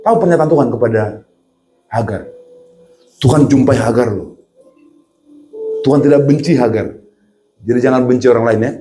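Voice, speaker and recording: A man preaching a lively sermon in a church, asking his congregation questions and acting out the voices in his stories. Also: mid-range voice, moderate pace, pauses often, faint music behind. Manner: animated, acts out voices, asks the congregation questions.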